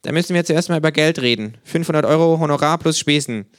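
A man's voice: quick pace, dry recording, clean studio sound, lightly acted. A man voicing a brash, cigar-chewing kangaroo detective with a cocky manner in a live comic reading. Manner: cocky, high and loud, Berlin street slang.

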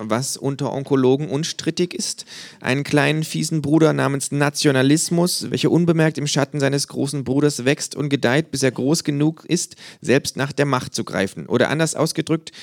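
A cutting storybook kangaroo talks in a clearly raised voice and lectures its listener with total deadpan calm , voiced by a man. It sounds like a smug doctor giving a diagnosis, in a dry room. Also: mid-range voice, no echo, pitched above the performer's own voice, lightly acted. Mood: lecturing. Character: sarcastic know-it-all kangaroo, dry and cutting.

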